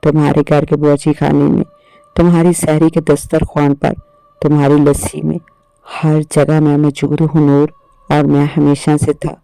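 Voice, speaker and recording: A man voicing a gentle, teasing young male jinn suitor who speaks softly and reassuringly in a storybook tale. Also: fairly high pitch, completely flat delivery, normal speed, gravelly, clear, resonant tone, no echo. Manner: soft, playful, reassuring.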